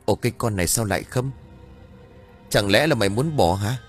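A brusque young elder brother giving orders and brushing off worries, with a scheming edge, as the male narrator plays him in an audiobook. His low voice moves through a lively range. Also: fairly quick, soft background music, lightly acted.

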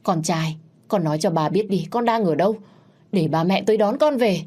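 A woman reading the part of a young father who pleads urgently on the phone, her voice low and dark. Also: moderate pace, breathy edge.

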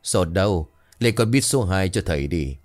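A man's voice: low voice, animated. A man doing a sly old exorcist. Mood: sly calm. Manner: chuckling, unhurried. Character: old male exorcist master, calm and sly.

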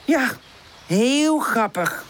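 A woman's voice: high-pitched, lively intonation, normal speed, a little hiss or hum, pitched above the performer's own voice. A woman doing a bossy little dog girl. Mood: exasperated. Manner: bossy, exasperated. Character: sensible young female dog, leader of friends.

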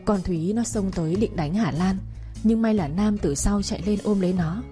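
A woman narrating a family story in a steady, even reading. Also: medium pitch, normal speed, faint music behind.

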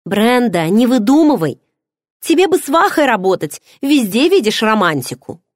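A woman's voice: on the high side, very animated, normal speed, no room sound, clean studio sound, pitched above the performer's own voice. A woman voicing a guarded young heroine who replies with hesitant, restrained answers.

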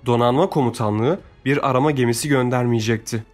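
A man reads an adventure story aloud in a steady, measured narration. His voice sits at a middling pitch, with soft music playing faintly behind. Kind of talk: scripted audiobook narration.

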